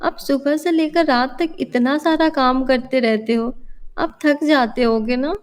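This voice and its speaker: A woman's voice: sits high, measured pace. A woman doing a timid eight-year-old girl. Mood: pleading.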